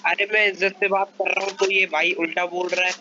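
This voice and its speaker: A high-voiced man comes through voice chat with blunt, teasing banter. His line sounds dull and lo-fi. Clear noise sits behind him. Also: level tone, fairly quick, sharp tone. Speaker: teammate on voice chat. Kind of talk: casual gaming banter.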